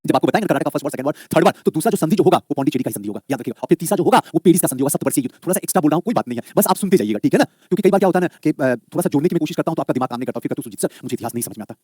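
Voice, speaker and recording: A man's voice: a little high, slightly rough, dry recording, studio quality. A man teaching history, coaxing students and answering his own questions. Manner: fast, lively, repeats questions and answers them himself; coaxing, calls students "babu". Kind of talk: live online exam-prep lecture.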